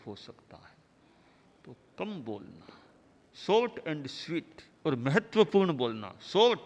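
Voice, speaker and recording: A man delivering a sermon as a spiritual teacher, in measured, rhythmic lists of short phrases. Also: mid-range voice. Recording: long hall reverb.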